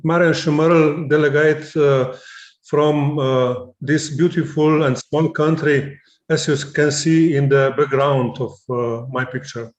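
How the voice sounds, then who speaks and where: A man from Slovenia slowly introducing himself as delegate, with pauses. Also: fairly high pitch, fairly even intonation. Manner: slow, hesitant. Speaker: national chess delegate. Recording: roomy, dull call audio.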